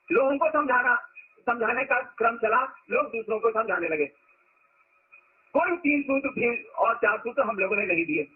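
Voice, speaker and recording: Husky high-pitched guy w preaching to followers, tinny phone-like audio. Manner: storytelling, stresses words to make a point. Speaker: spiritual teacher. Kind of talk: spiritual discourse to followers. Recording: lo-fi phone-like recording.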